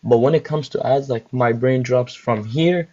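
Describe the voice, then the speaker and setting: A young adult man, a guest store owner, casually rambles on a livestream with many filler words while chewing gum. He has a mellow, medium-pitched voice at a moderate pace, and the recording is muffled and lo-fi.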